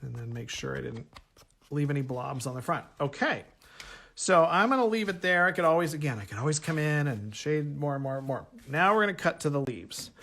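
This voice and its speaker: A man's voice: fairly high pitch, lively intonation, fairly quick, gravelly, sharp tone. Chatty man demonstrating painting. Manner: chatty, thinks aloud while working, self-correcting. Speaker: art instructor. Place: home art workspace at a table.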